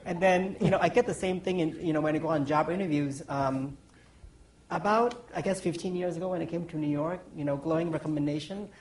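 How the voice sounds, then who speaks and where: A man's voice: a little high, fairly even intonation, fairly quick, a little mellow, slight background noise, low-quality recording. A man in his forties from Thailand, a pastry chef answering on a panel, rambling with lots of ums and restarts. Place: conference stage.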